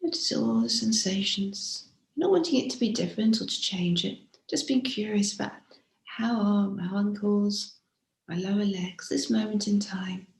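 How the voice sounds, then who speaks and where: With a roomy echo in the background sound, a woman in a teaching role leads a body scan meditation. She keeps her mid-range voice soft and gentle, moves slowly, pauses a lot, and ends phrases with a breathy touch.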